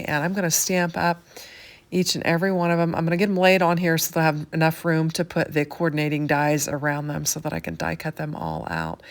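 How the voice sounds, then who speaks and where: An older woman chatting casually through a craft tutorial in a folksy way, with plenty of fillers. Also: low-pitched. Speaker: craft demonstrator.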